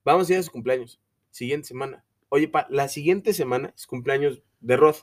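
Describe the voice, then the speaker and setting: A man's voice: mid-range voice, a little fast, recorded from a distance. Slangy young Mexican man, a bit off-mic. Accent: Mexican Spanish. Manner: slangy, animated, acts out his parents' voices. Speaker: podcast co-host. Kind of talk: casual chat.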